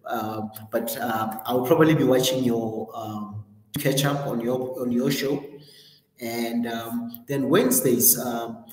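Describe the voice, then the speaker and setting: Speaking slowly in a steady, medium-pitched, somewhat dark voice, this livestream host goes over the week's schedule in a relaxed way, often saying um and correcting himself. His audio carries a long, roomy reverb.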